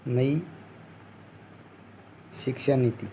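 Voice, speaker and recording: A young man speaks very slowly in a medium-pitched, dark voice with fairly even intonation while teaching a Hindi exam-prep class. He goes step by step, questions the students and then answers himself, says "theek hai" a lot, and imitates jeering crowds as a joke. The low-quality recording has slight background noise.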